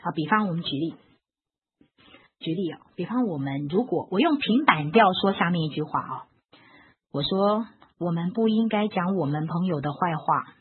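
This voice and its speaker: A woman giving a recorded lecture on logic, explaining with worked examples, repeating key phrases and filling pauses with soft particles. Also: on the low side, expressive, slightly rough. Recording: lo-fi, phone-like band.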